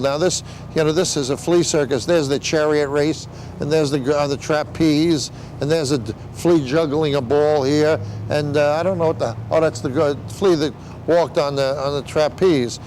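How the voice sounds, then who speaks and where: Older showman rambling over noisy rumble. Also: normal speed, darkish tone. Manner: rambling showman patter with joking asides. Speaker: veteran sideshow talker explaining flea circus. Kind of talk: casual interview explanation.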